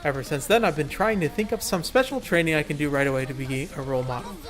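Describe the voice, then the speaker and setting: A man's voice: fairly high pitch, fast talker, close to an everyday voice. A man reading aloud the lines of a determined, gung-ho young racer girl from a game story, with faint music behind. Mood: earnest. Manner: earnest, gung-ho, read aloud plainly.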